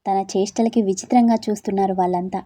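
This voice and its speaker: A woman storyteller reading narration calmly in an audio story. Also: medium pitch, fast. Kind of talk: scripted narration.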